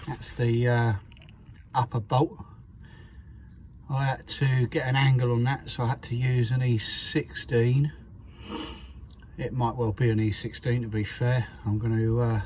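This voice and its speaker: Slight background noise accompanies a mid-range male voice. The speaker, a van mechanic showing how he does a repair, is out of breath and chats plainly in a casual how-to style, often using fillers and restarting sentences.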